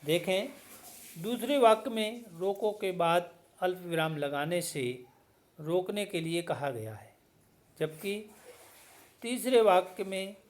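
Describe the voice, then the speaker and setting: A middle-aged man from India, a teacher giving a grammar lesson, speaking slowly and deliberately in short phrases. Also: fairly high pitch.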